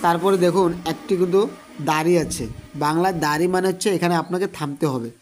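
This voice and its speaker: A man's voice: high-pitched, fairly even intonation, faint music behind. Patient man teaching Quran letters. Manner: slow, repetitive spelling-out of letters; addresses students directly, encouraging. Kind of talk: online Quran recitation lesson.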